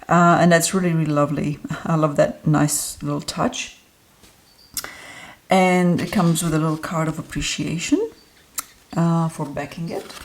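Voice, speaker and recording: A relaxed, chatty woman with a slightly low-pitched voice, reviewing a card deck for her channel. She talks in a loose, easygoing way, filling pauses with ums and small laughs. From Australia. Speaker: tarot reader and deck reviewer. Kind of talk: casual solo review talk.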